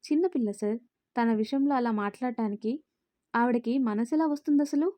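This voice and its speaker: A woman's voice: on the high side, brisk, mellow, no room sound, lightly acted. A woman voicing an earnest, outspoken young woman who speaks up firmly for a little girl in a spoken storybook.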